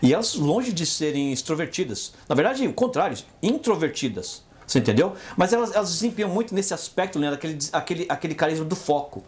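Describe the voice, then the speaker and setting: Um homem apresentando um podcast numa conversa descontraída, que repete palavras e pergunta "você entendeu?" o tempo todo. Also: male voice, on the high side, fast talker, few pauses. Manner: animated, repeats words often, checks in with "você entendeu?". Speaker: podcast co-host. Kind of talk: casual chat.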